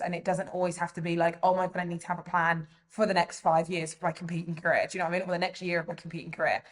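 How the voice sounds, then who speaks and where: Young woman, English accent, low-ish pitch, casual podcast chat, rambling. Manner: chatty, full of "like" and "you know". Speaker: podcast co-host.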